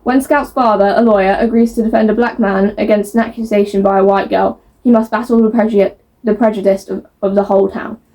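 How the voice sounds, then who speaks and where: A woman's voice: mid-range voice, steady tone, fairly quick, hardly any pauses, warm tone. A woman chatting casually as a book vlogger, reading blurbs aloud and stumbling over words in a self-mocking way.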